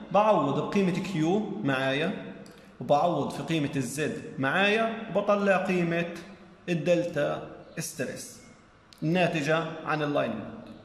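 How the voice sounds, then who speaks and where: A man's voice: fairly high pitch, a little hiss or hum. A man giving a recorded engineering lecture, explaining step by step and checking that students follow. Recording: echoey room with long reverb.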